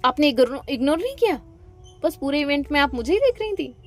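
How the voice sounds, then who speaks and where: A woman's voice: sits high, sing-song, faint music behind, pitched above the performer's own voice. A woman voicing Preet, a fiery jealous young woman. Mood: angry, sarcastic. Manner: angry, rapid, sarcastic retorts.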